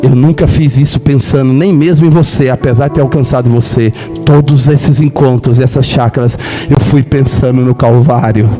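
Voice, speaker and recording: A man's voice: fairly even intonation, moderate pace, music in the background. A Brazilian man in his forties preaching a passionate sermon, telling his own testimony and rising to emotional peaks. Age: 40s. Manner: impassioned, swells to high emotional peaks.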